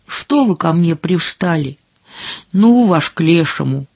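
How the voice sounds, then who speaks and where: Woman doing a shrill mob of storybook mushrooms, grumpy, scolding, lively swoops, husky. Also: takes it slowly, dry recording, heavily acted. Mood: whining. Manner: angry scolding chorus. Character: grumpy forest mushrooms shouting together.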